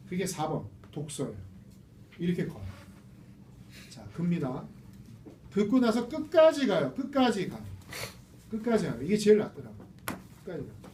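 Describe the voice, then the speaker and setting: A man's voice: high-pitched, mellow. A man teaching a casual reading lecture to a small class, chatty and full of rhetorical questions. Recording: roomy, distant mic with faint noise.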